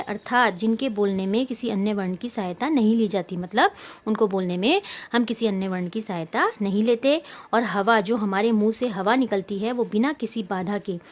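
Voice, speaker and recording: A woman teacher explaining grammar patiently to pupils, repeating points and answering her own questions, with English words mixed in. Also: mid-range voice. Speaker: school Hindi teacher. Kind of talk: online class lesson.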